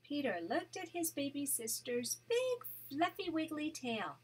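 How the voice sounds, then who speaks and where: An older woman, a grandma, brings a children's story to life for her grandchild in a high-pitched voice, pausing to point at the pictures.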